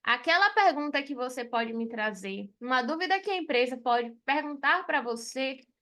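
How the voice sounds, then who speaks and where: Frank and talkative, a woman from Salvador, Bahia, Brazil, leads a live payroll class as an accountant, leaning on frequent tag questions. Her high voice is expressive, bright and forceful, and she speaks at a moderate pace.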